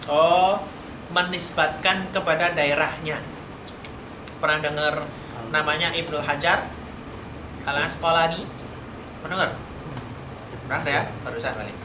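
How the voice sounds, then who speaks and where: A man's slightly high voice, fairly even and unhurried with many pauses, guides students through a call-and-response Arabic lesson in a mosque study room. The recording has a roomy, noisy hall sound.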